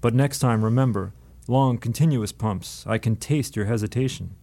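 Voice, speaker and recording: A man's voice: medium pitch, normal speed, creaky, warm tone. A man voicing an eccentric old rebbe who speaks in a wry, lordly, instructive way.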